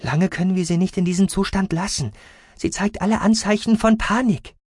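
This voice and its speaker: Brief: a man plays an anxious female doctor, higher voice, urgent; audiobook. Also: fairly quick, darkish tone, husky, no echo, studio quality. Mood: worried. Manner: concerned, urgent. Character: worried, careful female alien medic.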